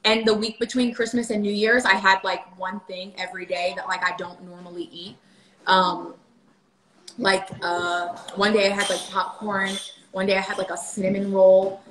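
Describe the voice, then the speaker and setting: A vlogger in her thirties casually takes viewer questions on a livestream from her kitchen, leaning on fillers. She speaks at normal speed with a medium, fairly bright voice and little pitch movement. Audio from the tabletop phone camera is poor, roomy, with a little hiss or hum.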